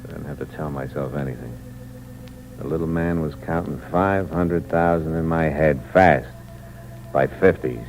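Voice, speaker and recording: A very deep-voiced actor at a moderate pace plays a hard-boiled drifter narrating his own story in terse, wry lines. It's 1950s radio drama acting, heard through a noisy old radio recording.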